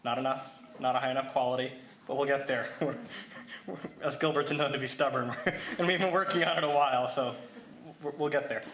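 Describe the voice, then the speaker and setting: A man giving an informal, halting project update in a modest manner. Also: medium pitch, fairly even intonation. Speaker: wool mill operator giving an update. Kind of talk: informal spoken presentation. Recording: echoey room, faint noise.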